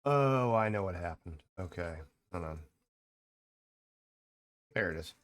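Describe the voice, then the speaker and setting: A man's voice: low-pitched, lively intonation, takes it slowly, fairly bright tone, no echo, studio quality. A man chatting casually on a live stream, rambling and exclaiming to his viewers.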